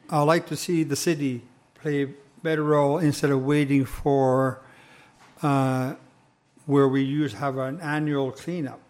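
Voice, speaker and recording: A male councillor speaks off the cuff at a council meeting. His delivery is hesitant and halting, with a mid-range voice that stays very even in pitch. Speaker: city councillor. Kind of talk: unscripted remarks at a council meeting.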